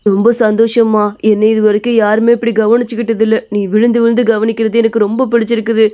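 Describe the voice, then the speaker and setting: A woman's voice: on the high side, little pitch movement, fast talker, mellow, close to an everyday voice. A woman voicing a poor, injured, lonely male laborer in a cartoon story, talking in a plaintive, pained way. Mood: grateful.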